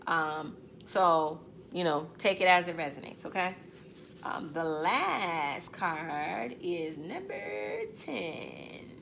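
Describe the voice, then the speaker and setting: A middle-aged woman giving a casual spiritual card reading, talking loudly and rambling with fillers and self-corrections. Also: lowish voice, slow, creaky, a little hiss or hum. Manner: loud, talks up when excited. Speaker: tarot card reader.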